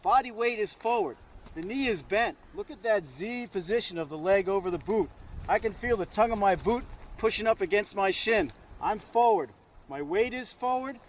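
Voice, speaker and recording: A man's voice: high voice, lively intonation, normal speed, a little hiss or hum. A man working as a ski instructor, coaching informally and encouragingly in short instructions out on a slope. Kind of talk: ski lesson demonstrated on the slope.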